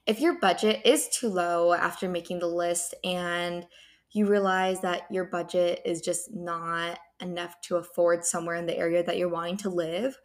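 A young woman speaks in a slightly low-pitched voice as a podcast host. She delivers a casual advice monologue. The sound bounces around an empty apartment, leaving an audible echo on her words. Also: steady tone, moderate pace. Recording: echoey empty apartment room.

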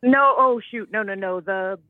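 A man's voice: sits high, moderate pace, no room sound. A man calling in to a radio show over the phone, hesitant and stumbling over his words. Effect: phone line call-in. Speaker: caller. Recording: tinny phone line.

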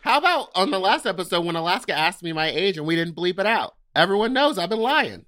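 Man, 30s, podcast co-host, casual chat, emphatic, exasperated, bright, animated pitch. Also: fast talker.

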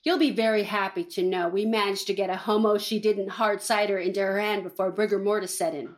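In a campy comedic audio drama, a woman plays a callous, cynical reality-show producer with a sardonic manner. Her mid-range, natural voice stays fairly even in intonation, and she comes across as breezy and callous, brisk and shady.

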